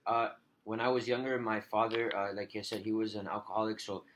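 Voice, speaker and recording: A man with a fairly low voice answers as the client in a role-played phone counselling call. His speech is halting and hesitant, broken up by frequent filler words. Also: level tone, a bit bright, slight background noise. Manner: halting, hesitant, heavy use of filler 'like'.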